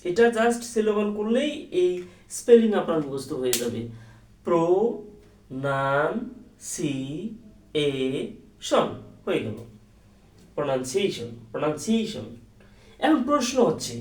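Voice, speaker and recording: High-voiced man teaching in an echoey room. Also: a little mellow, distant mic. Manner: counts aloud and sounds out words syllable by syllable; asks questions then answers them himself. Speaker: English teacher. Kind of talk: explanatory classroom lesson.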